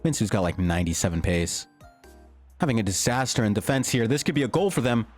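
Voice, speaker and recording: A young man giving excited, slangy commentary over his own gameplay, his voice starting to go. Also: on the low side, fast talker, soft background music. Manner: hyped, slangy, swings between joking and shouting. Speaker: gaming YouTuber. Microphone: desktop mic, peaking.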